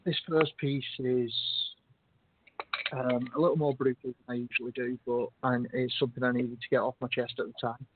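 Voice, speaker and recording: A tired man in pain calling in to a radio show over a phone line, soft-spoken with small laughs. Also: medium pitch, level tone, moderate pace, a little hiss or hum. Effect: caller heard over a phone line. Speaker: international caller reading poetry.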